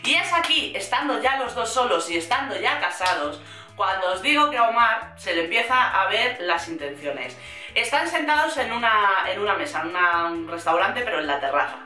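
A woman from Spain with a Spain Spanish accent, sarcastically recapping a reality show in animated casual chat. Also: medium pitch, normal speed. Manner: sarcastic, animated, acts out quotes. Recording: roomy echo, faint music.

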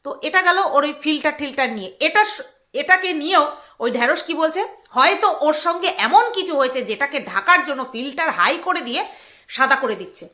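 A woman's voice: high voice, sharp tone. A woman with a Bengali accent, ranting in a commentary video, scolding and mocking with coarse insults and hesitant fillers between outbursts. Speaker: commentary vlogger.

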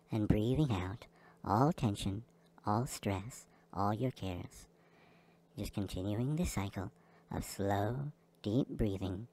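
A man guiding a listener through a slow, soothing hypnosis session. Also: lowish voice, dark tone. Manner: slow, soothing, repetitive delivery. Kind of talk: guided hypnosis script.

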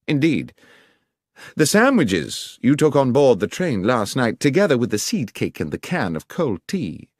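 A man voicing a sharp, commanding detective who speaks precisely and with authority. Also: medium pitch, sing-song, unhurried, dry recording, studio quality, pitched above the performer's own voice. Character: sharp, commanding male detective, middle-aged.

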